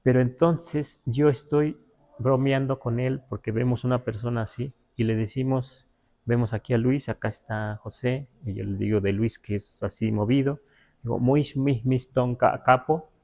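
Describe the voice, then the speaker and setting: A man with a Mexican Spanish accent teaching a language class, halting with many fillers and spelling words out syllable by syllable. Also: mid-range voice, vocal fry, warm tone. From Huasteca, Mexico. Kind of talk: live class explanation.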